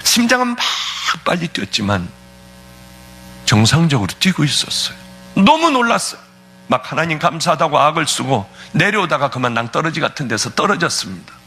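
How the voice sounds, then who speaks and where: Male pastor, high and lively delivery, fervent testimony, husky tone. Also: fairly quick, slight background noise. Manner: fervent, tearful storytelling with sudden pitch swings. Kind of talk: emotional testimony sermon.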